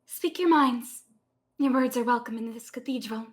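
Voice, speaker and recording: A woman voicing a gentle, teasing high priestess with a light and airy voice. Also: normal speed, natural voice. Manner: calm, playful, gracious.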